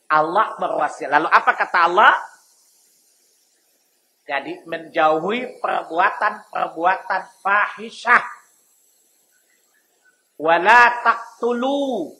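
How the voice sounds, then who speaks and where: A man's voice: high voice, pushed and bright, poor audio. A male preacher teaching a sermon lesson in a mosque, joking and asking his listeners questions as he goes. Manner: joking, asks the audience questions.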